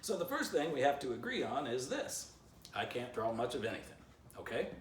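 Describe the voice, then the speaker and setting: Very animated and fairly quick, a man in his fifties with a mid-range voice reads his own children's story aloud and chats playfully with young listeners. He's indoors by the living-room fireplace. Because the camera is a few feet away, the home recording is roomy and slightly distant, with slight background noise.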